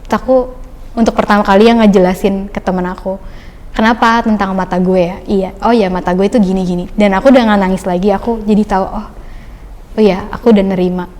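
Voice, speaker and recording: A young woman, a podcast guest, recalls her own life story as casual personal testimony, speaking fast in a relaxed, chatty flow. Her phrases run on loosely with plenty of fillers. Her voice sits at a middle pitch, and a long reverb trails each word.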